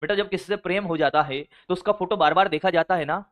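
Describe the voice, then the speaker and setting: A man's voice: high-pitched, quick pace, a bit bright. A male teacher giving blunt, scolding study advice to exam students, calling them brother and son. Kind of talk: motivational study advice lecture.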